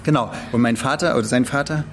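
A man's voice: mid-range voice, quick pace, faint music behind. A man from eastern Germany co-hosting a literary podcast, talking through a novel in a rambling, thoughtful way with many restarts. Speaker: podcast co-host. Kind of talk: casual book discussion.

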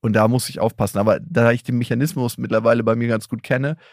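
Gravelly young man asking blunt questions. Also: medium pitch, fairly even intonation, quick pace, dry recording, studio quality. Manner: direct, probing, blunt and playful. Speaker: podcast co-host. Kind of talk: casual chat.

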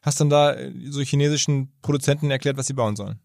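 A man hosts a casual interview, firing off quick, probing questions. He talks fast, and the recording sounds dry and close. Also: mid-range voice, gravelly, darkish tone, no room sound. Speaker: interview host.

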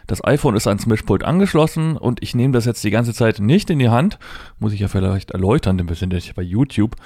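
Speaking fairly quickly in a lowish, mellow voice, a man demonstrates assistive technology with plenty of expression. He talks through each step informally, thinking aloud along the way, in a studio-quality recording with no echo.

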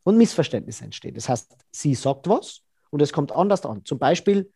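A man, a body language expert being interviewed, who explains in a lively way and acts out quoted dialogue. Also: on the high side, normal speed, vocal fry, husky, no room sound, studio quality.

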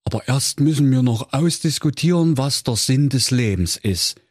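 A man's voice: mid-range voice, expressive, normal speed, a little mellow, husky, dry recording, clean studio sound, voice pushed up. A man doing a limp, starving villager. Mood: listless. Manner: limp, droning. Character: weary, starving male villager, languid.

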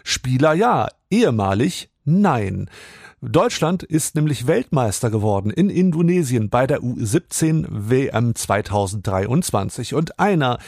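A man's voice: medium pitch, very animated, measured pace, creaky, darkish tone, no echo, clean studio sound. A man hosting a fan podcast, introducing and interviewing a guest in a friendly, chatty way. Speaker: podcast host.

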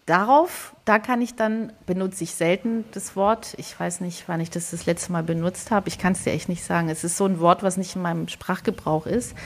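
A woman of Greek background, co-hosting a podcast, talks casually and thinks out loud with many restarts and quick laughs. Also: lowish voice, fairly even intonation. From Greek family background. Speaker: podcast co-host. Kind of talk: casual conversation.

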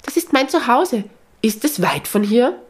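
A narrator doing a bright little elf girl. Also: mid-range voice, expressive, normal speed, background noise, pitched above the performer's own voice, natural voice. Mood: delighted. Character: small excited elf girl.

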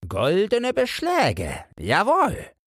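A man's voice: sits high, huge pitch swings, extremely slow, fairly bright tone, breathy edge, no room sound, studio quality, voice pushed up, heavily acted. A man voicing a pompous, easily offended little male dung beetle in a storybook reading.

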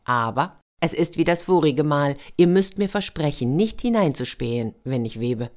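A woman voicing a gentle, grateful young crane-maiden who speaks softly and politely. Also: deep voice, lively intonation, normal speed. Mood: earnest.

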